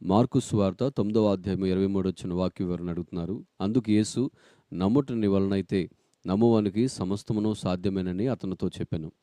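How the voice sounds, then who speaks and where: A male co-host with a low, very dark, mellow voice reading listener questions in a polite, formal way. The sound is dry and close. He speaks slowly and evenly. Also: dry recording.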